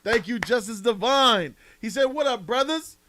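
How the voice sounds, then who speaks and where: Over a noisy background, a man with an extremely high, expressive voice talks at normal speed. As a live podcast host reading donor messages, he debates films in an argumentative, emphatic way, hammering points home with slang and profanity.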